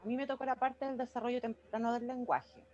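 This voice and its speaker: A woman's voice: on the high side, fairly even intonation, a little fast, a little mellow, a little hiss or hum. A woman, a student summarizing her section of a class presentation over a video call, hesitant and full of fillers. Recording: muffled video call audio.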